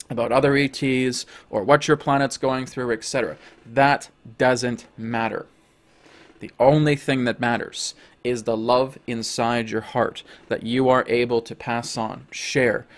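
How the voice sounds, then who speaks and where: A calm, preachy spirit guide, channeled by a hoarse man, delivers a slow, emphatic teaching in a mid-pitched voice. It speaks for a collective "we", leaning hard on its repeated phrases. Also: lightly acted.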